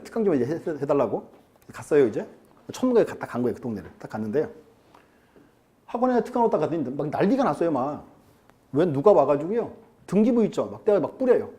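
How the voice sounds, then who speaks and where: This real estate law lecturer has a slightly high, warm voice. He runs his class chattily, putting questions to the students and acting out quotes.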